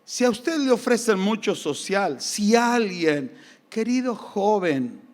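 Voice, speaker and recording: A pastor with an Argentine Spanish accent delivers a sermon slowly, with lively emphasis and a notably high-pitched voice. He shifts between firm exhortation and humorous anecdote, and the recording carries a church hall's long reverb.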